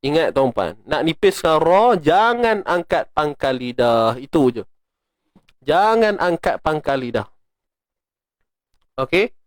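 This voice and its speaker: A relaxed Malaysian man teaching Quran recitation rules, joking with his listeners and drilling each sound slowly. His voice sits fairly high for a man, and he speaks at an unhurried pace. The recording is close and dry, with no room sound. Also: no room sound. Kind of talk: casual online tajwid lesson.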